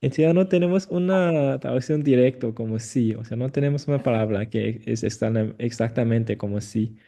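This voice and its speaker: A man's voice: medium pitch, moderate pace, vocal fry, mellow. A man teaching a language lesson, patient and prompting with frequent affirming murmurs. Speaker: Chinese teacher.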